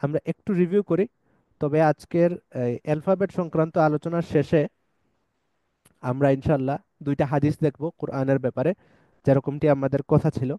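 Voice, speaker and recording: A man teaching Quranic letter pronunciation in a patient, explanatory way, modelling each sound slowly. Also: a little high, fairly even intonation, mellow, no room sound, lo-fi sound. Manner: patient, models sounds slowly and recites verses in drawn-out chant. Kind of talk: explanatory lesson.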